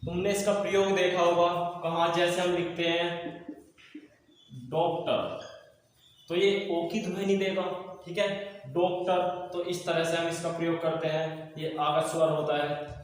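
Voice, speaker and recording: A man teaching a grammar class, explaining slowly and repeating each point for students to copy down. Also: fairly high pitch, little pitch movement, slight background noise. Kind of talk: classroom lecture. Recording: echoey room from far off.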